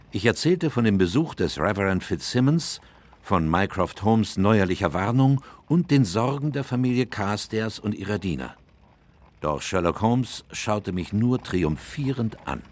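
An actor playing a loyal, earnest gentleman doctor who narrates and speaks in a radio drama, in a measured manner. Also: on the low side, big pitch swings. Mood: measured, narrating. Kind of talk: radio drama dialogue and scripted first-person narration.

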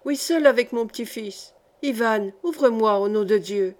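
A woman's voice: fairly high pitch, moderate pace, darkish tone, lightly acted. A woman reading an anxious old peasant grandmother who pleads urgently, in a storybook. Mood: pleading.

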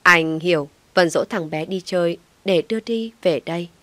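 A woman voicing a calm, stern grown man who speaks in a measured way, in a storybook reading. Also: on the low side, no echo, natural voice.

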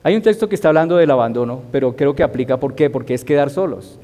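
A man's voice: mid-range voice, quick pace, dark tone, long reverb tail. A man teaching a Bible study as a sermon, asking his listeners rhetorical questions. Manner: asks the audience rhetorical questions.

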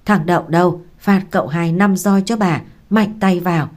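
A woman voices a strict, quick-tempered elderly matriarch in an audiobook. She issues orders and scolds in a lowish, commanding tone. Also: darkish tone, close to an everyday voice. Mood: stern.

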